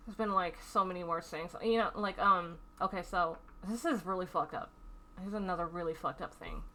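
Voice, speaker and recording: A woman's voice: lowish voice, normal speed, sharp tone, a little hiss or hum. A woman vlogging about a painful personal story, stressed and upset, swearing heavily, sighing often and rambling with fillers. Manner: heavy swearing, frequent sighs, rambling with fillers. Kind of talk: candid personal storytelling vlog.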